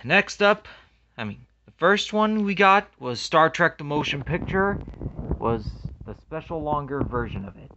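A man unboxing a movie collection in casual commentary, earnestly excited, reading the labels aloud and calling each one very amazing. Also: a little high, unhurried, muffled recording.

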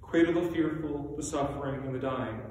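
Man, solemn prayer leader, slightly high voice, very reverberant church recording. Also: a little mellow. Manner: solemn, measured. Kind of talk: reading liturgical intercessory prayer. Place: small church sanctuary, indoors. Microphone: distant camera. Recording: echoey church, distant mic, faint noise.

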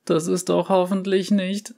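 A man's voice: high-pitched, little pitch movement, measured pace, vocal fry, warm tone, voice pushed up. A man voicing a gloomy, sulky young female yordle who answers curtly in a storybook reading. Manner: sullen, curt.

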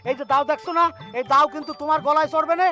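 An actor playing a hot-tempered, blustering village YouTuber husband in a TV comedy drama. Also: male voice, very high voice, level tone, very fast, pushed and bright, soft background music. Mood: threatening. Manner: bluster and threats in a rustic voice.

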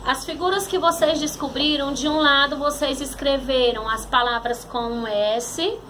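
A Brazilian woman teaching a grammar lesson to young children, speaking slowly and patiently and sounding out syllables one by one. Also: sits high, fairly even intonation, sharp tone, slight background noise. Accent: Brazilian Portuguese. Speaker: primary school teacher.

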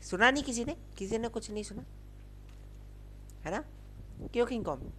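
A woman's voice: a little high, animated, moderate pace, sharp tone, a little hiss or hum. A young woman hosting a game video, teasing and bossing a friend in casual chat. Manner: teasing, bossy, playful. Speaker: gamer host.

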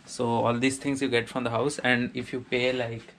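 A man narrates a casual walkthrough of a small student apartment as a vlogger's house tour, plainly listing what it has. He speaks at medium pitch and normal speed with little pitch movement, and the recording is very noisy.

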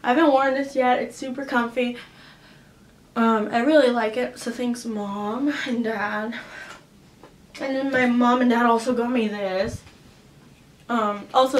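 With a fairly high voice and a cough drop in her mouth, a chatty, upbeat young woman talks through a casual haul for her vlog, peppering it with "like" and "um." She's indoors at home in an echoey room, with a little hiss or hum.

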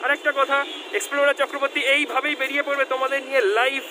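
Masked man vlogging, high and quick. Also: completely flat delivery, background noise. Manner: chatty, talks straight to viewers. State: through a face mask. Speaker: food vlogger. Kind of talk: walking street vlog. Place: busy city street outdoors.

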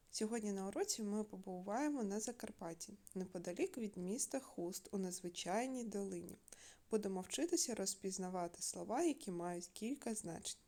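A woman teaching young pupils in a recorded video lesson. Her voice is mellow and warm at a middling pitch, and she dictates slowly and clearly, splitting words into syllables. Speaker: primary school teacher.

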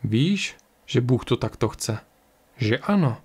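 A man voicing a zealous, fanatical medieval priest who preaches loudly and condemns. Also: mid-range voice, big pitch swings, breathy edge. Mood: coaxing.

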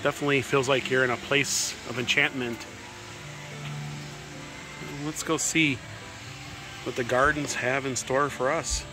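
Holding his phone in hand or at arm's length, a middle-aged American travel vlogger gives a relaxed, casual walkthrough with brief musing asides. His mid-range voice is steady and unhurried, he pauses often, and music plays in the background as he moves through a mountain garden and narrow rock crevices outdoors.

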